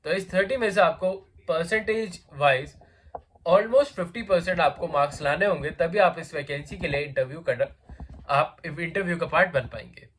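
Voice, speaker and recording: On a low-quality recording with slight background noise, a job vacancy channel host talks at a moderate pace in a somewhat high, slightly bright voice. He explains in casual Hindi laced with English, chatty and filler-heavy as he addresses viewers, with a sore throat and the odd cough.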